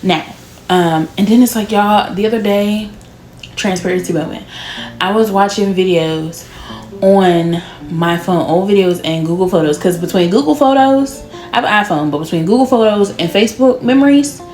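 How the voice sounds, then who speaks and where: A woman in her late twenties chatting casually to camera as a vlogger, with drawn-out words and laughs. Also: medium pitch, darkish tone. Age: 20s. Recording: echoey room with faint music.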